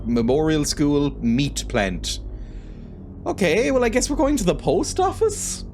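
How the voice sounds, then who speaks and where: A man's voice: fairly high pitch, sing-song, measured pace, a little mellow, faint music behind. Wry, sweary man playing a game. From Ireland. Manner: wry, sweary, laughs often, reads game text aloud. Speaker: let's-play host. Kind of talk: casual game commentary.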